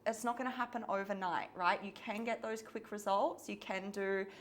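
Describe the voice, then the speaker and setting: A woman's voice: mid-range voice, steady tone, normal speed, slight background noise. A woman co-hosting a fitness podcast in a casual chat, laughing easily and prompting her partner with questions. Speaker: podcast co-host, fitness trainer.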